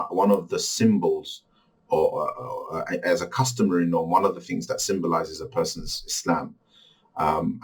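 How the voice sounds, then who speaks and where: A middle-aged man from Bangladesh teaching a recorded religious course lecture, halting with many restarts. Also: low-pitched, husky, far from the mic, rough recording.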